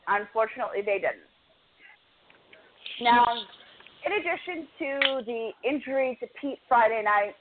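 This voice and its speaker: A woman co-hosting a podcast, chatting casually and telling stories as she runs through match results. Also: on the high side. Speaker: podcast co-host. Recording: tinny phone-like audio.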